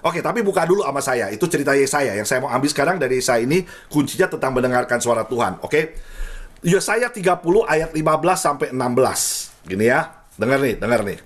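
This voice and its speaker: A middle-aged man with an Indonesian accent, preaching a casual, lively sermon and repeating phrases for emphasis. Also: quick pace. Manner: animated, swings pitch widely, repeats phrases for emphasis. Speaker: pastor.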